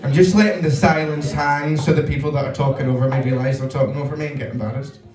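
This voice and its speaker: A man's voice: fairly high pitch, steady tone, quick pace, a little mellow. A Scottish man giving blunt, joking, sweary feedback as a competition judge on stage. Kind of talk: spoken stage critique. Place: roomy live venue with audience. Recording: echoey live venue, distant mic.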